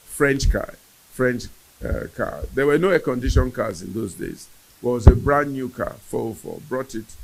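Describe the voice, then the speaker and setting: A man's voice: lowish voice, gravelly, warm tone, husky, low-quality recording. A man, telling a personal story in an interview with emphatic repetition. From Nigeria.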